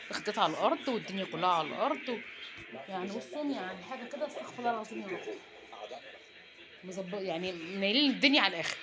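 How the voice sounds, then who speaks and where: A woman in her thirties with an Egyptian accent, chatting to viewers in a casual home vlog as she cooks and tidies her apartment. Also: mid-range voice. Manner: rapid, chatty, addresses viewers directly. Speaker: home vlogger, mother. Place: small apartment indoors. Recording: noisy home phone recording.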